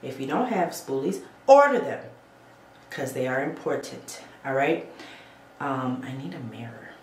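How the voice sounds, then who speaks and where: A woman's voice: very deep voice, moderate pace, slight background noise. A woman giving a casual beauty how-to at a bathroom sink, chatting to viewers and checking in with "okay?" as she goes. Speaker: beauty vlogger. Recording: roomy echo, faint ambience.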